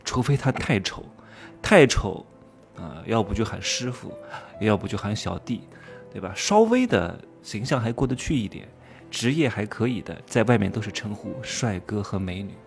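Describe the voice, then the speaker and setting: A man with a low, gravelly voice and a lilt talks straight to his viewers. He teases them and keeps throwing out rhetorical questions. Soft music plays faintly under him. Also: sing-song, normal speed. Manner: provocative, rhetorical questions, teasing. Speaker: self-styled commentator. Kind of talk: casual monologue commentary.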